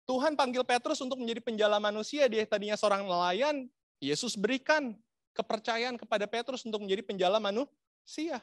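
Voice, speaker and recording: A man preaching a sermon, dramatic and swinging from loud to hushed, asking the congregation rhetorical questions and mixing in English phrases. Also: very high voice, a little fast, no room sound, clean studio sound.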